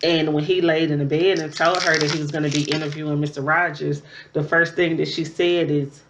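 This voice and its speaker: A thirty-nine-year-old woman vlogger reviews a movie, chatting casually and unscripted to camera with emphatic, conversational phrasing. Her voice is deep and her delivery flat and fairly quick. The audio is poor, with slight background noise.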